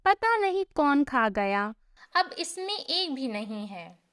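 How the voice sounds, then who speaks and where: A bossy older mother-in-law who scolds and mocks, her voice jumping from sharp high calls to lower grumbles, played by a female narrator. She speaks slowly and the sound is dry. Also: very animated, no room sound, exaggerated voice. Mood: annoyed. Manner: scolding, sarcastic.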